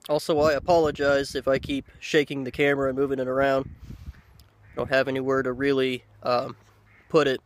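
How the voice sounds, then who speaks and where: A man in his thirties chatting casually to the camera outdoors, unhurried and halting, with pauses. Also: medium pitch, flat delivery, slight background noise. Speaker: pipe-smoking video blogger. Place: outdoors by a lake in woods. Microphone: handheld camera at arm's length.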